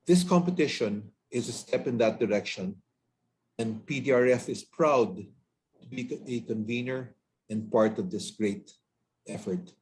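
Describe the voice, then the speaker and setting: A man's voice: mid-range voice, a little slow, a little mellow, slight background noise. Earnest Filipino man giving a speech. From Philippines. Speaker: foundation president. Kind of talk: prepared speech.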